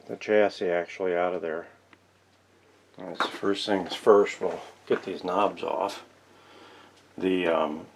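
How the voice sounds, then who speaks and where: A man with a low, gravelly voice thinks aloud in an indoor workshop. He hosts a vintage radio repair channel and gives casual, unscripted, hands-on narration as he works.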